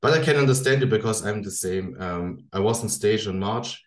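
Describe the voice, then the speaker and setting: A man's voice: lowish voice, brisk. Man hosting, echoey room. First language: German. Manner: hesitant, restarts, friendly questions. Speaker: podcast host. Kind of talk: casual interview chat.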